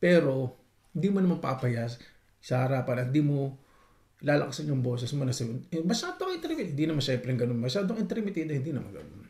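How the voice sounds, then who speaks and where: A man's voice: medium pitch, brisk, creaky. A young Filipino man casually and politely telling stories from his life abroad, acting out the people he quotes. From Philippines. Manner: polite, animated, acts out quotes. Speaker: vlogger. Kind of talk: casual storytelling. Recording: echoey room.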